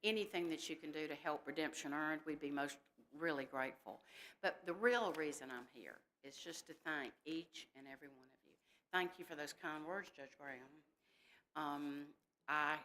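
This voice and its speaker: A woman giving a short, earnest speech of thanks at a ceremony, pausing as she speaks. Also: deep voice, a bit bright, slight background noise, poor audio.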